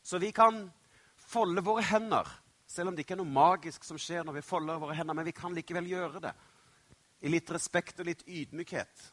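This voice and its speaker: A middle-aged male pastor delivers a sermon in a fairly high voice. He tells Bible stories dramatically, dropping to hushed passages and then building to loud ones. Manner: dramatic storytelling with shifts between hushed and loud.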